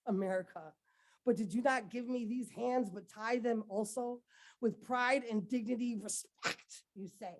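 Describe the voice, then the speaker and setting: Woman reciting intense spoken-word poetry. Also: mid-range voice. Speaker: poet performing at a ceremony. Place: dedication ceremony, indoors.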